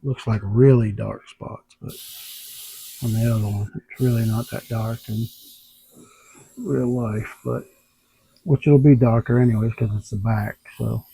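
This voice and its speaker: Gravelly, dark-voiced man muttering at work. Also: fairly low pitch, slight background noise. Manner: muttering to himself, thinking aloud. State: has the hiccups. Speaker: airbrush artist. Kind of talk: casual talk while working. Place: home workshop under overhead lights. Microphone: tablet camera.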